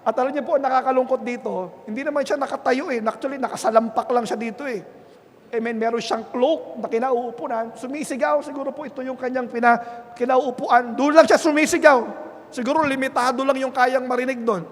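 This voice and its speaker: Male pastor, Filipino accent, very high voice, church sermon, long hall reverb. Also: steady tone, fairly quick. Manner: punctuates nearly every phrase with "Amen?" to the congregation; swings from quiet earnest talk to loud, emphatic preaching. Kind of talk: bilingual Sunday sermon. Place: church sanctuary. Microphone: handheld microphone.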